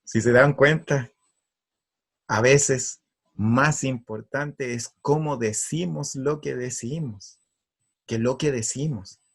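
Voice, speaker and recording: A man's voice: mid-range voice, slow pace, vocal fry, breathy edge. A man giving an earnest, emphatic spiritual talk. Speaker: spiritual speaker.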